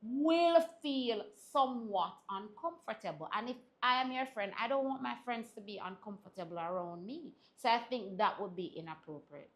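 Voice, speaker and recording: A Jamaican woman hosting a talk show, her voice sitting a bit high. She chats casually with her co-host and tells animated stories in patois, laughing along the way. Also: normal speed, few pauses. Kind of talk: casual panel chat.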